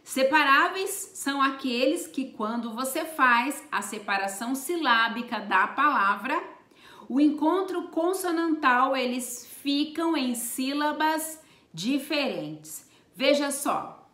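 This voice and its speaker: Slow, bright-voiced woman teaching grammar. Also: sits high, expressive, roomy sound. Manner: spells out letters and stresses example words. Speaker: Portuguese teacher. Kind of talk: slow, deliberate grammar lesson.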